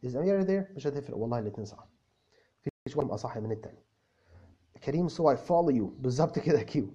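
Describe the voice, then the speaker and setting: A man's voice: mid-range voice, lively intonation, fast talker, mellow, husky. A man with an Egyptian Arabic accent playing a self-assured young English tutor who stammers through restarts and explains with repeated examples. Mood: breezy, explaining. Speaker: English tutor answering viewer comments. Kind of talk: comic video lesson. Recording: dull lo-fi recording.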